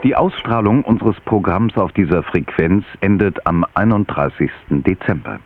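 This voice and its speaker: Male radio announcer, deep and formal, tinny AM broadcast sound. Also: lively intonation. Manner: measured, formal reading. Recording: narrow-band AM radio with faint music.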